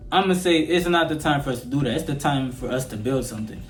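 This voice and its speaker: Talking fast in a mid-range voice over soft background music, this eighteen-year-old Sudanese man with an American accent delivers an opinion rant to camera. He's rambling and conversational, often checking whether you get his point, and the room echoes.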